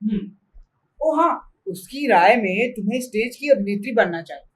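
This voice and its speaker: A woman's voice: a little high, lively intonation, moderate pace, close to an everyday voice. A woman playing a teasing, good-humoured husband in a stage play, who quotes lofty praise with mock grandeur. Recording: roomy hall from far off.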